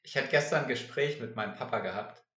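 A man's voice: medium pitch, fast, pushed and bright. A man talking candidly and searchingly about his feelings in a personal conversation. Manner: candid, searching, mimics others' voices. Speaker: guest sharing personal struggles. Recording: roomy echo.

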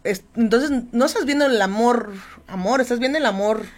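A woman's voice: fairly high pitch, moderate pace. A woman co-hosting a casual radio chat show, throwing in playful jokes and asides. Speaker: radio co-host.

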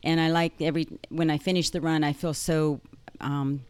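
A woman in her sixties with a Southern US accent, a guest in a studio podcast interview, answering hesitantly with many pauses and fillers. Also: low voice, level tone, a little mellow, smooth, no echo. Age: 60s. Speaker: guest, masters runner.

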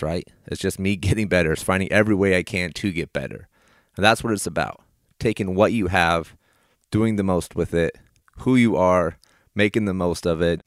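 A man's voice: deep voice, moderate pace, no echo, studio quality. A man in his thirties hosting a motivational podcast, speaking in a subdued late-night way as if the house is asleep, encouraging the listener directly. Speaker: podcast host. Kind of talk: motivational affirmations podcast monologue. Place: small plastic play structure in a garage, padded with towels and blankets.

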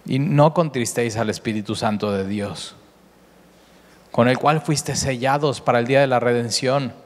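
Man preaching in an echoey hall. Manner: animated preaching, often repeats words, rises in pitch for emphasis. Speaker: pastor. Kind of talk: sermon. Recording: echoey hall with long reverb.

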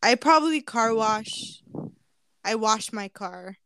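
A woman's voice: on the high side, takes it slowly, a little hiss or hum. A young woman hosting a podcast, telling embarrassing stories in casual chat with giggles. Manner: animated, giggly storytelling. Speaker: podcast host.

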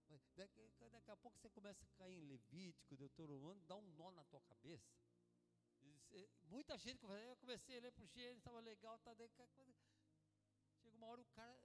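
A man preaching a sermon at a church service, energetic and conversational, using slang and calling out to his congregation. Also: sits high. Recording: long church-hall reverb with music.

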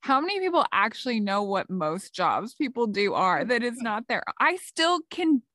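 A woman's voice: fairly high pitch, big pitch swings, moderate pace, fairly bright tone, dry recording, clean studio sound. A woman co-hosting a podcast, chatting casually and laughing often as she tells and reads out stories. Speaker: podcast co-host. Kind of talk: casual chat.

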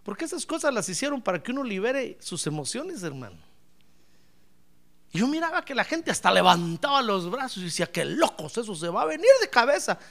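Animated, gravelly-voiced male pastor preaching. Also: high-pitched, fairly quick. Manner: animated, playful, asks the congregation questions; bursts into shouts then drops to soft asides. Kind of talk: lively sermon.

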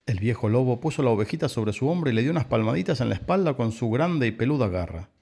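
Gravelly man reading a bedtime story. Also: medium pitch. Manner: slow, gently expressive reading. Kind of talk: children's story read aloud.

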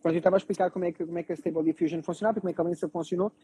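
A man with a European Portuguese accent talks through ideas in a casual panel chat. His voice is dark, very husky and quick, and he repeats himself as he explains. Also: high-pitched, steady tone. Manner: explanatory, repeats phrases, checks listeners follow.

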